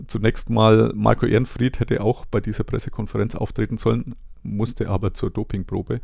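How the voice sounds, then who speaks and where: A man's voice: on the low side, flat delivery, normal speed, vocal fry, darkish tone, dry recording. A man hosting a show, recounting an event in a wry, conversational storytelling manner. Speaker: podcast host. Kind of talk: recap narration. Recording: dry close recording.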